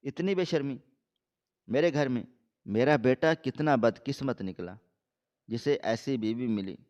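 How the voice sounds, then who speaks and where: A man's voice: medium pitch, a little mellow, long reverb tail, muffled recording, natural voice. A man reading the part of a scheming older mother-in-law, delivered in a wailing, scolding tone.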